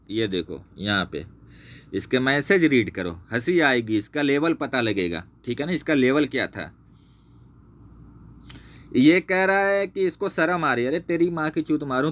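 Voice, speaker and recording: Medium in pitch with a fairly bright tone, this man is a channel host angrily exposing a former associate. Sharing his screen, he points things out while cursing constantly and repeating himself.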